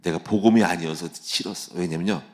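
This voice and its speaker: Deep-voiced man preaching casually. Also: fairly quick, darkish tone. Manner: casual, conversational preaching with plain speech endings and rhetorical questions; vivid storytelling that acts out quoted voices. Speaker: pastor. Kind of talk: early-morning church sermon. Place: church sanctuary.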